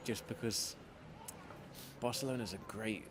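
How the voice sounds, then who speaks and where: A man's voice: fairly low pitch, measured pace. A man chatting casually as an interview guest, self-deprecating and full of restarts. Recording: loud street and traffic noise.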